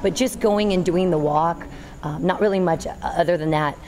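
A girls volleyball coach in her thirties gives an earnest postgame interview in a high school gym, working through her thoughts with small restarts. She speaks at normal speed with a darkish tone, and noisy gym ambience fills the recording.

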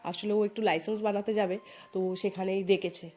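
A home vlogger with a darkish, mid-range voice talks fast and fairly evenly, chatting to her viewers in a rambling, homely voice-over. She's congested and sounds nasal from a cold.

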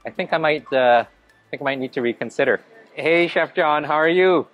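With faint music behind him, a man in his thirties chats cheerfully through a large indoor hotel buffet, describing every dish as he eats it on an arm's-length handheld camera. His voice is a little high and fairly bright, at a normal speed, in casual food vlog style.

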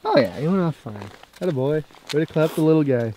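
A man with a slightly high voice talks casually out on a frozen lake, as if to his fishing buddies. His speech is slangy and full of banter. The outdoor recording carries faint noise and clicks. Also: animated, fast. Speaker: fishing vlogger. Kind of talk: casual outdoor vlog chat.

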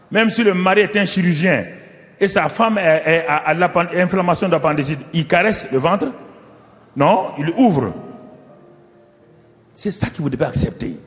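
A pastor with a West African French accent preaching a sermon, dramatically retelling scenes with sudden loud peaks. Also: male voice, on the high side, in a large hall.

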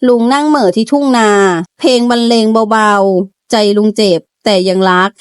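A woman storyteller giving playful, lively scripted narration of a comic audio story. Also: fairly high pitch, normal speed, clean tone, no echo, clean studio sound.

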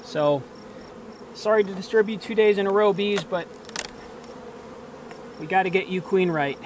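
This beekeeper vlogger, a high-voiced man, takes his time as he casually talks through a hive inspection outdoors. A grassy bee yard surrounds him, with insects and bees buzzing in the ambience and a little hiss or hum on the recording.

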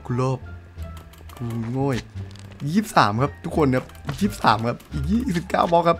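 Fast-talking young man gaming host. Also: on the high side, expressive, a bit bright, faint music behind. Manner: joking, swearing, teasing friends. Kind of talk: casual let's-play commentary.

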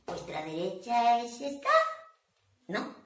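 High lively storyteller lady, slow and playful, sounds far off in an echoey room. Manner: playful and animated, laughs often, coaxes the audience. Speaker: children's storyteller. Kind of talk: interactive storytelling for children. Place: library room.

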